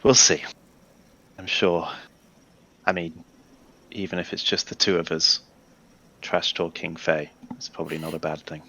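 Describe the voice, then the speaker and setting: Gravelly bright-voiced man at the game table. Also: sits low, fairly even intonation, a little slow, pauses often. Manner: casual, wry, rambling. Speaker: player. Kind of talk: in-character tabletop role-play.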